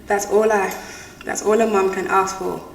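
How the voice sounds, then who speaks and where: A woman's voice: medium pitch, little pitch movement, moderate pace, gravelly. Middle-aged woman reciting a poem. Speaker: interview guest. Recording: echoey room, distant mic, faint noise.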